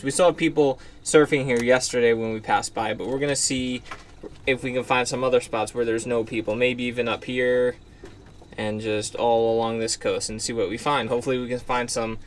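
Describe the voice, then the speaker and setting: A young man talks casually to a handheld action camera aboard a sailboat, loose and explanatory, with plenty of fillers. Wind and water noise sit clearly behind his voice. His pitch is mid-range for a man. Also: a bit bright. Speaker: sailing vlogger. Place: aboard a sailboat at anchor, on deck and in cabin. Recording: outdoor boat and water noise.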